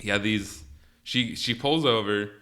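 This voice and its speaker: Young male co-host, casual, rambling storyteller, slightly low, bright tone. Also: slow. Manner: rambling anecdote-telling, lots of fillers and laughs. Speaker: podcast co-host.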